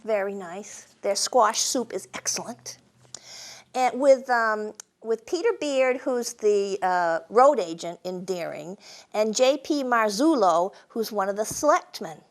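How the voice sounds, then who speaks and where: A woman who hosts a program as a storyteller and humorist tells funny stories live to an audience. Her mid-range voice has lively intonation and an unhurried pace, and her delivery is folksy, wry, and conversational.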